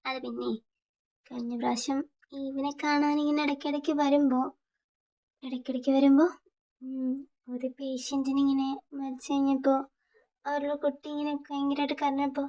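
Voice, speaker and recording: A woman's voice: sits high, mellow, natural voice. A woman voicing a heartbroken young man who cries and stammers through his words. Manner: pleading, broken, stammering. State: crying. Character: heartbroken young man sobbing over a friend.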